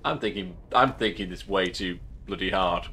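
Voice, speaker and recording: A man's voice: low voice, normal speed, bright, forceful tone, slight background noise. A man casually commenting while playing a game, chatty and swearing as he thinks aloud. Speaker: streamer.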